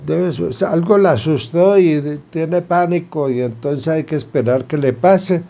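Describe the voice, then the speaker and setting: A man's voice: fairly high pitch, a little slow, dark tone, pitched above the performer's own voice. A man voicing a kindly, reassuring old retired doctor in his seventies or more, with a fatherly manner.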